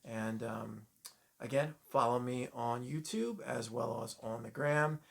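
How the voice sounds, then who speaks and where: A man's voice: medium pitch, takes it slowly, creaky. A man with a New York accent giving direct, encouraging jiu-jitsu breathing tips to camera as an instructor, with frequent fillers. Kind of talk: casual spoken tips to camera.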